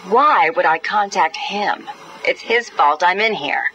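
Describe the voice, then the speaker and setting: A woman playing a defiant, sharp-tongued female cat burglar under interrogation, heard as a recording played back from an interview cassette tape. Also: lowish voice, animated, measured pace, lo-fi sound, a little hiss or hum. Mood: sarcastic. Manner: sarcastic, dismissive, defiant. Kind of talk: video game voice acting.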